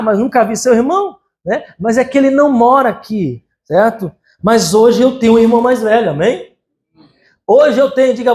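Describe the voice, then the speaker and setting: A man preaching a sermon at a church service, calling out "amen?" to the congregation and swinging between loud exclamations and quiet asides. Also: very high-pitched. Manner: emphatic preaching with call-and-response "amém?". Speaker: pastor.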